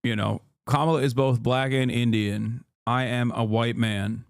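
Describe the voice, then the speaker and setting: A male streamer from Turkey talks casually and bluntly to his chat, swearing often and pushing back hard. His voice sits at an average pitch and is recorded close and dry, with no room sound. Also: fairly even intonation, a little slow, no echo. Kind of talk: casual live-stream commentary.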